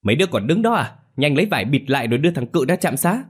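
Male reader playing a low, gruff old patriarch, blunt and scolding, storybook style. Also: fairly quick. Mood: shouting. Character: gruff elderly male family elder, blunt.

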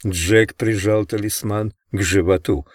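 Man, audiobook narrator, low-pitched, measured steady reading, dry close sound. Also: no room sound. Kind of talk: scripted narration.

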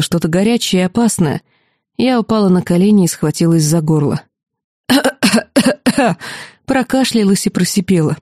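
Woman reading a fantasy audiobook, expressive, dark mellow tone, dry close sound. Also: medium pitch, no room sound. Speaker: audiobook narrator. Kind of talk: first-person fantasy audiobook narration.

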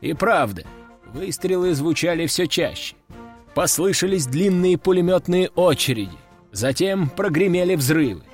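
Wry male audiobook narrator, higher voice. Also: animated, normal speed, faint music behind. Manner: wry, ironic storytelling. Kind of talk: first-person audiobook narration.

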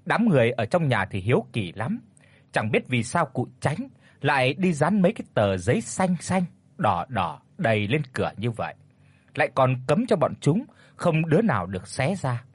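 Expressive husky male horror storyteller. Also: mid-range voice, moderate pace, no echo. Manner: dramatic, expressive. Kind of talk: scripted horror story narration.

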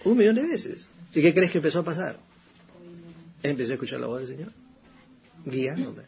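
This man's voice sits on the high side and is very animated, gravelly and darkish, with a faint hiss or hum. He's a pastor delivering a conversational sermon, chatty and repetitive, tossing in rhetorical questions and "¿no?" asides. When he prays, he turns fervent, slow and emphatic.

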